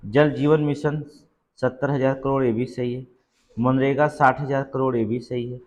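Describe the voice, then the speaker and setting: Speaking with a slightly mellow, medium-pitched voice that barely moves in pitch, a man leads exam preparation at a moderate pace. Quiz questions are read aloud, answers are repeated, and "theek hai" checks come up again and again.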